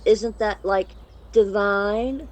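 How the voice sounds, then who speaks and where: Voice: mid-range voice, a little mellow, pitched above the performer's own voice. The narrator voicing a flamboyant, relentlessly cheerful male unicorn in a storybook, gushing theatrically. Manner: gushing, theatrical, drawn-out endearments.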